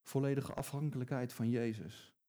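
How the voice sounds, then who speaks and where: A man's voice: mid-range voice, steady tone, moderate pace, dark tone. A man preaching a sermon, emphatic and often repeating words as he builds his points.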